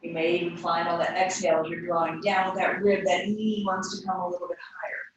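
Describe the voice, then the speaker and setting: A woman teaching a yoga class, giving calm cues timed to the breath. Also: fairly low pitch, quick pace, highs cut off, noisy background. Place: yoga studio. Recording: echoey room, voice from a distance.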